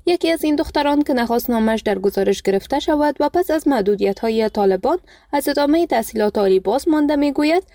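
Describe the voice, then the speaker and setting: A woman newsreader with an Afghan Dari accent and a fairly high but mellow, dark-toned voice. She reads scripted news in a steady, formal way. The studio sound is close and dry. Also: dry recording. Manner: even, formal read delivery. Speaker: news reader. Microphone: studio mic.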